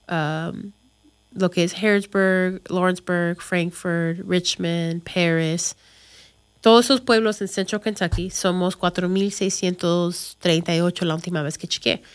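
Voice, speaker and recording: Speaking a bit slowly in a smooth, lowish voice with fairly even intonation, this woman explains things casually to viewers. She is a real estate agent from Chicago, United States, a native English speaker with an American accent who works English words and phrases into her talk.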